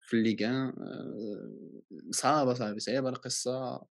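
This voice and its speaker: A man's voice: medium pitch, fairly quick, gravelly. A man with a Moroccan accent in a casual football debate, insistently repeating himself and dropping in many French phrases.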